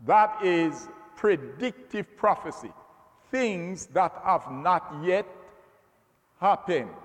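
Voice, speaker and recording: A man teaching from the Bible in a slow, emphatic way, often repeating words as he builds his point. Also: high voice, lively intonation. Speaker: preacher. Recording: long hall reverb.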